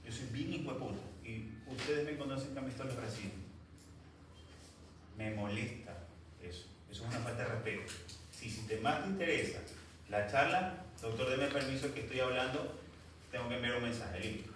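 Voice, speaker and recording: Captured at a distance in a reverberant classroom, a male lecturer addresses medical students, occasionally scolding them sternly. He speaks fairly quickly in a mid-range voice, with background noise present.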